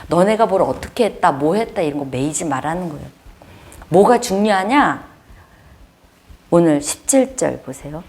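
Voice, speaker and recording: A woman preaching a sermon, telling stories in an animated way with frequent laughter. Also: lowish voice.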